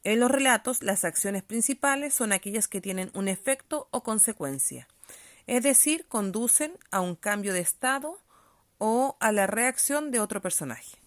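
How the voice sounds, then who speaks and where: A woman's voice: a little high, expressive, moderate pace, dry recording. A woman teacher leads a reading-comprehension lesson at a patient, explanatory pace. She keeps checking in with her pupils as she goes. The recording is close and dry, with no room sound.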